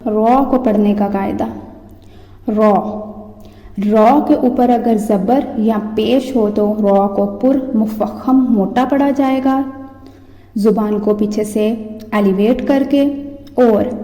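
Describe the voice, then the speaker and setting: A woman teaching Quran reading, drilling each syllable in a steady, deliberate call-and-repeat pattern. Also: on the high side. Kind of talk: slow instructional teaching with recited drills. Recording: echoey room with long reverb.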